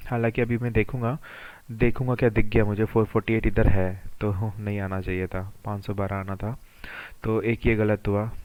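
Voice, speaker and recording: Hoarse young man with a cold. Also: lowish voice, a little mellow, no echo. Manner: chatty, often adds "है ना". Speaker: exam aspirant channel host. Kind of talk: casual talk reviewing his mock test. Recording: dull lo-fi recording.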